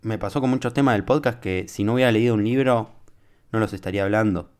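A man's voice: fairly low pitch, quick pace, a little mellow, clear, resonant tone. A young man with an Argentine accent hosting a solo podcast, talking casually and directly to the listener, with many fillers. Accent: Argentine Spanish. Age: young adult. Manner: informal, talks straight to the listener, many fillers. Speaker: podcast host.

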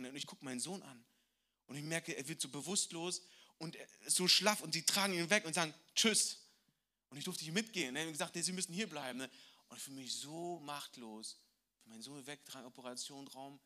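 A male pastor preaching a sermon, telling a personal story with emotion and moving between loud passages and hushed ones. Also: mid-range voice.

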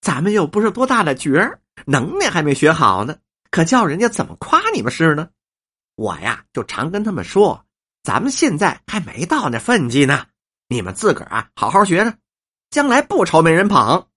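A man doing a shrill, fawning old woman. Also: normal speed, breathy edge, heavily acted. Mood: gushing. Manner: shrill, gushing and flattering.

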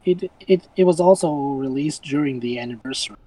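A man's voice: mid-range voice, brisk, a crowd in the background, rough recording. A man co-hosting a casual gaming podcast, often stumbling and restarting his words, with a dry sarcastic edge. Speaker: podcast co-host.

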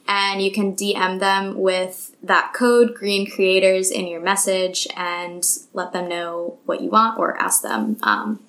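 A woman's voice: medium pitch, flat delivery, takes it slowly, hardly any pauses, a bit bright. A woman co-hosting a podcast in a bubbly, upbeat casual chat, reading a sponsor segment. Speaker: podcast co-host.

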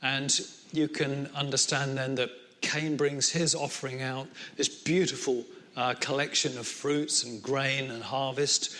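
A man's voice: medium pitch, level tone, unhurried, pushed and bright. A man preaching a sermon, retelling the story in a chatty way, with many hesitations and fillers. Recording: long reverb of a hall.

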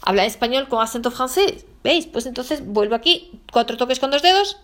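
A woman's voice: high voice, lively intonation, fairly quick. A woman giving a casual spoken tutorial, talking straight to viewers and repeating aloud what her phone reads out. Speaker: instructor showing phone accessibility settings.

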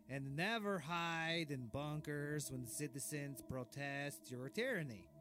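Brief: smug, oblivious tyrant king, voiced by a man, slow and high-pitched for a man, reading a diary with pompous deadpan delivery. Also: heavily acted. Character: vain, oblivious, cruel male dictator king. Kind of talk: comedic diary narration.

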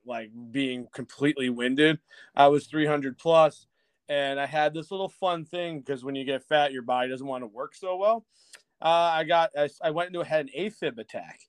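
A middle-aged podcast guest with a smooth, mid-range voice and no echo rambles through a self-mocking story, restarting often. He laughs, swears freely, and acts out what other people said.

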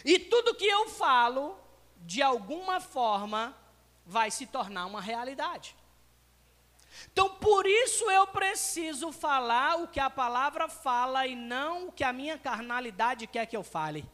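A man's voice: very high-pitched, big pitch swings, unhurried, sharp tone. A male pastor preaching a sermon to his congregation, talking to them directly and acting out everyday scenes. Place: church sanctuary. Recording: long reverb of a church hall.

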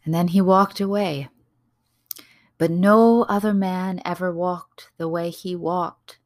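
A woman reads a narrative poem aloud in a slow, hushed and reverent way, lingering on each word. Her voice sits a little low, and the recording is close and dry. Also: fairly even intonation, dry recording. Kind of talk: dramatic poetry reading.

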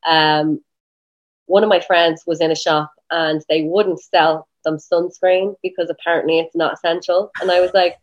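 A woman's voice: lowish voice, flat delivery. Chatty Irish woman, sweary, muffled. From Ireland. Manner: rapid, chatty, peppered with swearing and "like". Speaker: guest, spray tan business owner. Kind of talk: casual chat.

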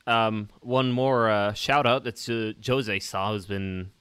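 A man's voice: fairly low pitch, fairly even intonation, slow, a bit bright, smooth, no echo. A man co-hosting a football podcast, hesitant with many fillers in casual chat. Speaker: podcast co-host.

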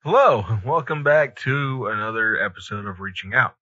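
A man's voice: mid-range voice, animated, moderate pace, bright, forceful tone. A man hosting a podcast, chatting casually with hesitant, laid-back phrasing. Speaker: podcast host. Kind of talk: casual conversational podcast chat. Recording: slightly muffled, lo-fi podcast sound.

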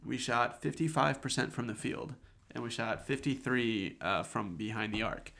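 A man's voice: medium pitch, moderate pace, vocal fry, sharp tone. A man in his twenties co-hosting a sports podcast, wry and pessimistic as he rattles off stats in casual chat. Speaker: podcast co-host.

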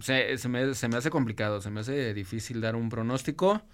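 A man's voice: medium pitch, fairly quick. A man with a Mexican accent co-hosting a casual football talk show, talking with many fillers and hesitations. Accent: Mexican Spanish. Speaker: sports show co-host.

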